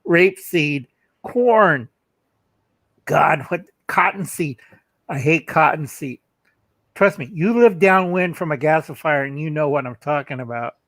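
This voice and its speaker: A man's voice: a little high, expressive, a little slow, a bit bright, no room sound. A man co-hosting a livestream, blunt and folksy, telling stories over a video call. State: coughing. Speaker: livestream co-host. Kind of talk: casual livestream chat.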